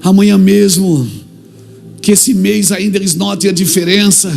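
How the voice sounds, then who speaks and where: Man, Brazilian Portuguese accent, fervent preacher, high-pitched, gravelly, faint music behind. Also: little pitch movement, fairly quick. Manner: impassioned preaching that acts out dialogues and builds to shouted climaxes. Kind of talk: fervent church sermon. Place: church.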